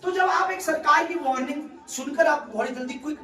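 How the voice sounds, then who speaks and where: In a prayer meeting hall, a pastor preaches a sermon in a high, bright, forceful voice at a fairly quick pace, emphatically calling for responses from the congregation. The room echoes and he sounds far from the mic.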